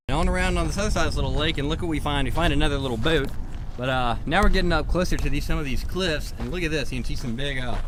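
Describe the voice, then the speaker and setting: Guy doing an explore vlog outside, curious n folksy, regular pitch, bit of background noise. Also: fairly bright tone. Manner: curious, folksy, points things out as he walks. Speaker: explorer vlogger. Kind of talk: casual exploration vlog narration. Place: outdoors at an open gravel pit pond. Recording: outdoor location audio with clear background noise.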